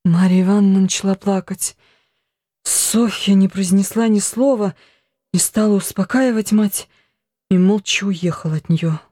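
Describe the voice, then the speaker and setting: A woman narrating a historical novel in an audiobook, measured storytelling. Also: medium pitch, mellow, dry recording, studio quality.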